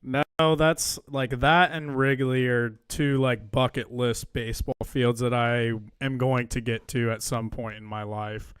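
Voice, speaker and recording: A laid-back young man co-hosts a casual podcast, easygoing and agreeable as he chats. He swears now and then, and his smooth, resonant voice sits in a dry, close recording. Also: medium pitch, fairly even intonation, measured pace, few pauses, a bit bright, no echo. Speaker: podcast co-host. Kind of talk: casual chat.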